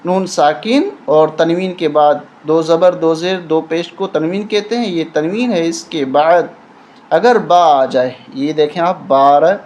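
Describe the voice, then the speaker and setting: A man's voice: fairly high pitch, darkish tone. A man teaching a recitation lesson, patiently spelling out letters and rules one at a time. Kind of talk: step-by-step tajweed lesson.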